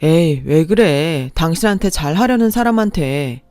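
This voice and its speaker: A woman's voice: deep voice, animated, normal speed, darkish tone, dry recording, faint music behind. A woman voicing an easygoing young husband who brushes off complaints in a casual, placating way. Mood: dismissive.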